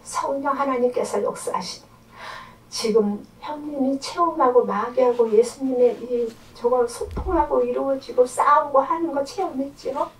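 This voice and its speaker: A woman's voice: high voice, moderate pace, hardly any pauses. A woman giving an emotional testimony in church, speaking fervently and acting out prayers and voices. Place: church sanctuary. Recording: echoey church hall, mic far off.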